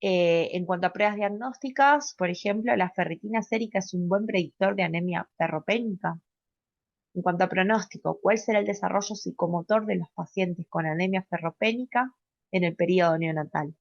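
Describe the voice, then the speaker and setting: A woman's voice: on the low side, moderate pace, gravelly, dry recording, dull audio. Spanish-speaking woman lecturing, checking "¿sí?". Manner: explanatory, often checks in with a rising "¿sí?"; fillers and self-corrections while explaining. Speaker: pediatric residency lecturer. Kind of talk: recorded medical class lecture.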